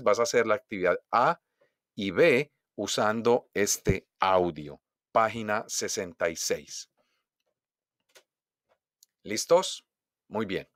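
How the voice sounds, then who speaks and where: Low-voiced guy teaching a screencast class, really slow, leans hard on the stressed syllables, dry close mic. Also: no room sound. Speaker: Spanish teacher. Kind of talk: screencast lesson with dictation.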